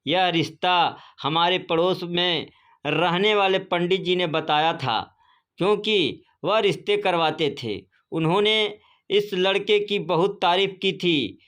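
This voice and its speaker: A woman reading a first-person story as scripted narration in a slow, even, plain way. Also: fairly low pitch.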